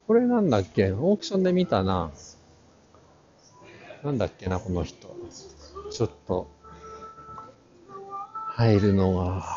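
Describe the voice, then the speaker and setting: A vlog host with a lowish, mellow voice tours an art fair in a large, crowded indoor exhibition hall, muttering short fragments half to himself through a face mask. He films on a handheld camera held at arm's length. The sound is dull, with crowd murmur around him.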